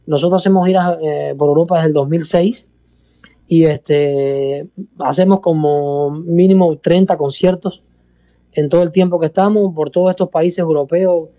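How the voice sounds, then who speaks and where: His voice is on the high side and steady, moving at normal speed, in lo-fi sound. He's a middle-aged Cuban bandleader in salsa with a Cuban accent, speaking casually and expansively as an interview guest, circling back over points and calling the host "hermano."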